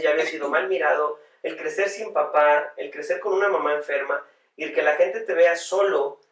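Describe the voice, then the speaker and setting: A pastor tells his story as a podcast guest, earnest and reflective, with a somewhat high voice for a man. His voice carries a roomy echo and sounds set back from the microphone. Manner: reflective, earnest, with frequent "este" fillers. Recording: roomy sound, voice far from the mic.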